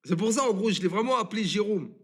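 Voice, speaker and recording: A man in his twenties, a streamer, telling a story on a live stream in an animated, crude and swearing manner. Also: high voice, quick pace. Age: 20s.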